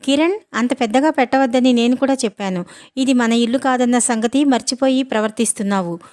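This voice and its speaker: A woman's voice: on the high side, fairly quick, darkish tone, close to an everyday voice. A woman voicing a harried middle-aged mother who scolds her grown son, in a storybook reading. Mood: exasperated.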